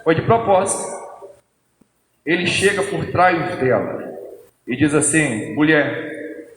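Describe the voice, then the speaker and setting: A man preaching a fervent sermon to a church congregation, often shouting. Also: fairly high pitch, very animated, slow, a little hiss or hum. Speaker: pastor. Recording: echoey church hall, crowd.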